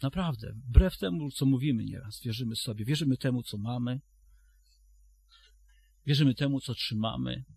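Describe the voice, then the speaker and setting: A man's voice: medium pitch, normal speed, gravelly, long pauses, mellow, slightly rough, dry recording. A man preaching a sermon to a congregation, retelling a story and then addressing his listeners directly, often restarting his phrases.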